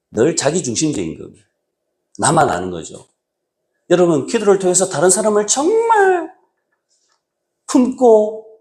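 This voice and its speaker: A male pastor preaching a sermon, moving between raised exhortation and quiet low asides. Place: church sanctuary.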